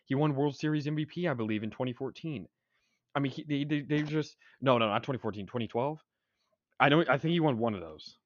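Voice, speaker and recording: A man's voice: medium pitch, quick pace, no room sound. A young man co-hosting a casual sports podcast, rambling with stuttering restarts and strong opinions. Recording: dry, dull lo-fi sound.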